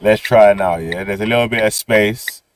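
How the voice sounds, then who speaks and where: A man's voice: fairly low pitch, moderate pace, noisy background. A man with a London roadman street accent, chatting casually on a livestream with lots of slang and tag questions. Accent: London, street roadman style. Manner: slangy, repetitive, punctuated with "yeah?" and "innit". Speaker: livestream host. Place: outdoors on city streets while streaming.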